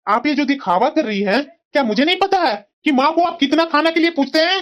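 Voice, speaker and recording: A woman's voice: sits high, expressive, a little fast, highs cut off, faint music behind. A woman playing a hot-headed young brother-in-law. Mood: accusing. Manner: accusing, heated. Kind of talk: cartoon family drama voice acting.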